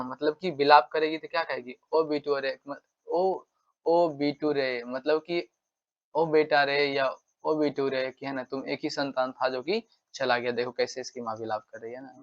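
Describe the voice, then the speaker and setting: A man's voice: on the high side, fairly bright tone. Chatty teacher, man, dull lo-fi recording. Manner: repetitive, keeps checking with tag questions. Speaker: English teacher. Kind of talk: casual exam-prep lesson. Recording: dull lo-fi sound.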